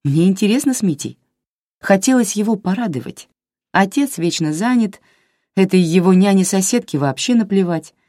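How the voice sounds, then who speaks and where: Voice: medium pitch, lively intonation, normal speed, mellow, no room sound, studio quality, voice pushed up, close to an everyday voice. An audiobook reader voicing a confident young woman volunteer who speaks matter-of-factly.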